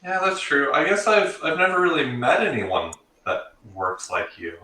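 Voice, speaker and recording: A man's voice: a little high, big pitch swings, moderate pace, sharp tone, echoey room, far from the mic, poor audio. A man voicing a curious woman adventurer in a tabletop role-play.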